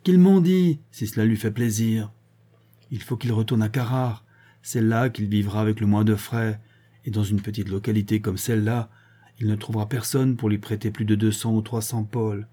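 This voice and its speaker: A man's voice: fairly low pitch, flat delivery, moderate pace, warm tone, husky. A man voicing a stern, angry elderly father who gives harsh, commanding orders and raises his voice.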